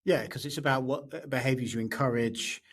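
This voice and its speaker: A mid-pitched man, hosting a podcast interview. He talks conversationally and agreeably, with a few ums as he goes. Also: brisk, a bit bright. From northwest of England. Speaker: podcast host.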